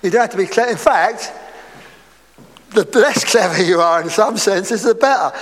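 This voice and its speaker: High-voiced preacher in an echoing hall. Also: male voice, normal speed, fairly bright tone. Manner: conversational preaching with chatty asides and humor. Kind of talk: sermon. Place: church hall before a congregation. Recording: reverberant hall.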